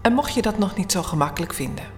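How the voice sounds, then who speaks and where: A woman leading a guided bedtime meditation in a soothing, hushed, often near-whispered voice with long pauses. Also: medium pitch, expressive, soft background music. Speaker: guided relaxation instructor.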